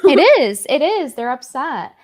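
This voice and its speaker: A woman's voice: high voice, very animated, a little slow. A woman with a New York accent, a podcast co-host reading and complaining about comments in casual, swearing chat. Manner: chatty, complaining, swears freely.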